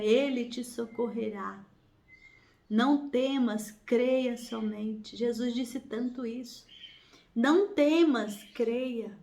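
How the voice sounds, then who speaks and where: A woman's voice: fairly high pitch, mellow. A woman leading a family prayer circle, preaching fervently with repeated exhortations and reading scripture aloud. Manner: fervent, repetitive exhortations with hallelujahs; slow, emphatic, drawn-out phrasing. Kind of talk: devotional preaching and Bible reading.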